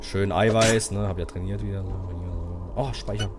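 A man giving live commentary on a horror game, swearing, ranting and yelling at the game. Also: low voice, steady tone, normal speed, noisy background. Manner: swears, rants and yells at the game. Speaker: streamer.

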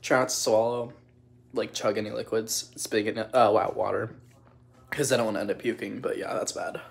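A young man in pained, sighing, halting and sweary vlog talk, his mouth burning from spicy food. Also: fairly low pitch, fairly even intonation, vocal fry. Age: young adult. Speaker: video creator doing a food challenge. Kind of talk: casual reaction vlog. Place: small room at home.

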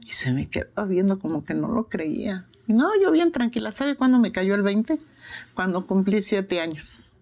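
A woman's voice: mid-range voice, normal speed, darkish tone. An older woman with a Mexican accent, speaking plainly and insistently in an emotional interview, repeating herself for emphasis. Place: prison.

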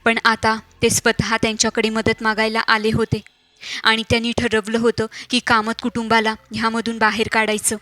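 A woman tells a horror story in a steady, measured narration. Her voice is bright and slightly high, with little rise and fall, and the recording is close and dry. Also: no room sound.

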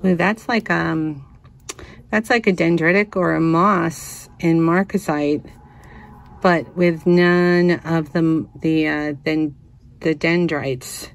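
Slow, gravelly-voiced woman thrifting. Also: deep voice, steady tone. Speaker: vintage reseller vlogger. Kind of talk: casual thrifting narration. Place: inside a cluttered antique store.

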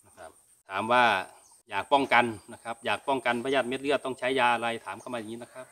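A middle-aged Thai man who hosts a cattle farming channel answers viewer questions informally from an open-sided cattle barn, sprinkling in frequent polite particles. His mid-range, fairly bright voice holds a steady tone as he talks fast, with slight background noise.

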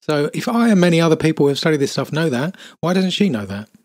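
A man's voice: on the high side, big pitch swings, fast talker, a little mellow. A man giving scornful, incredulous commentary over video clips, with many fillers.

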